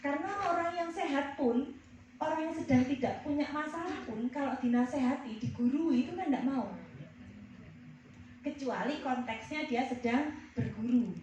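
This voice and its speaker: A woman's voice: high voice, moderate pace, a little mellow, lo-fi sound. A woman leading a counseling workshop, explaining and asking the audience questions. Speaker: counseling trainer. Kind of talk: workshop lecture. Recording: echoey hall, distant mic, background noise.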